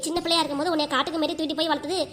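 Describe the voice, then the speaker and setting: A woman's voice: sits high, steady tone, fairly bright tone, a little hiss or hum. A woman voicing a stubborn, bitter elderly grandmother in a cartoon, talking with a Kanyakumari Tamil accent. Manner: rapid, scolding and reproachful. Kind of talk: cartoon voice acting.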